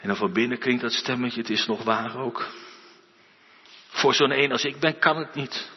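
A man preaching a sermon, slow and earnest, building to emphatic outbursts. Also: mid-range voice, a little hiss or hum. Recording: dull lo-fi recording with long church reverb.

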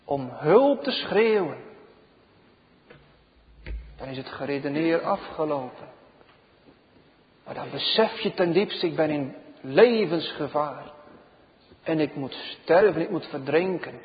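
A man preaching a sermon, slow and emphatic, his voice swelling loud and then dropping to a hush. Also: fairly high pitch. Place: church. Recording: dull reverberant church recording.

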